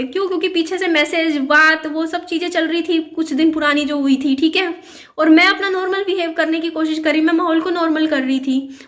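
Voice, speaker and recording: A young woman vlogger with a high, fairly bright voice tells her viewers about things that happened to her. Speaking to camera, she's earnest, uses many fillers, and repeats phrases.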